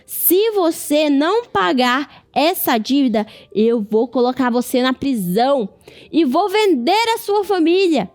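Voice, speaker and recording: A woman's voice: sits high, sing-song, a little slow, a little mellow. Woman voicing a Brazilian servant in debt. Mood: harsh. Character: indebted servant, adult man, pleading then bullying.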